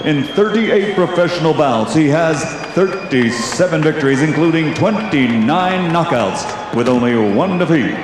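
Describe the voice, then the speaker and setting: Booming, echoey male boxing ring announcer. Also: animated, normal speed, few pauses. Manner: grand, dramatic showman. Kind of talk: theatrical boxing ring announcement with drawn-out shouted names, partly in Spanish. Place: large boxing arena. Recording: booming echoey arena PA, noisy.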